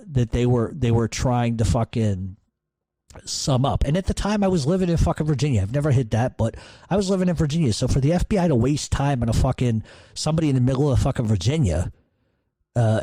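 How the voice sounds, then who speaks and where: A man's voice: mid-range voice, mellow, dry recording. A man telling a story in a blunt, profane, casual way, as a podcast host.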